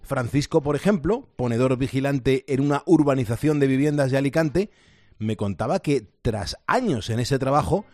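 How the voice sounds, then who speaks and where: A man reads a scripted radio report in a clear, measured way. His voice sits at a middle pitch. The studio sound is dry and close. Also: lively intonation, a little mellow, no room sound.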